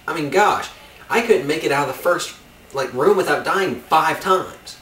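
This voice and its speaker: A man's voice: on the high side, animated, normal speed, pushed and bright. A man chatting casually about video games in a skit, griping in slangy, exasperated fashion. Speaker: guest gamer in a comedy review skit. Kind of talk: casual gamer chat in a skit. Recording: distant mic, echoey room, faint noise.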